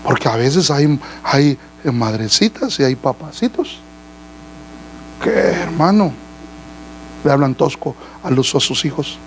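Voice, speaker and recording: A man's voice: mid-range voice, animated, takes it slowly, long pauses, a little hiss or hum, low-quality recording. A man pastor preaching a sermon in a church, asking the congregation questions and calling them brother. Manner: addresses listeners as brother.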